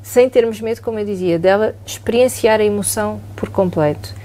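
A middle-aged woman psychologist with a European Portuguese accent, calmly explaining and often checking in with tag questions. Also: medium pitch, brisk. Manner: calm, explanatory, often asks "não é?". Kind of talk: explanatory podcast talk.

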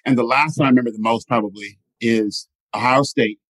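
Middle-aged male guest, quick animated storyteller, dry close sound. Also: medium pitch, no echo, poor audio. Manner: animated, repeats "right?" often. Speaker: guest, motivational speaker. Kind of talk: storytelling interview.

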